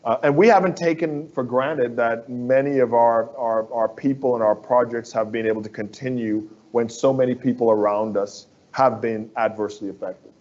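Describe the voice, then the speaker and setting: A man's voice: medium pitch, steady tone, moderate pace, hardly any pauses, darkish tone, lo-fi sound. A man from the Bahamas, a construction firm executive, speaking as an interview guest in an earnest, persuasive way that repeats phrases for emphasis.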